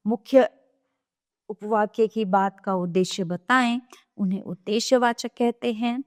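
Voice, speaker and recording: A woman teaching a grammar lesson to children, reading rules and example sentences in a steady, measured way. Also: on the high side, no echo, studio quality.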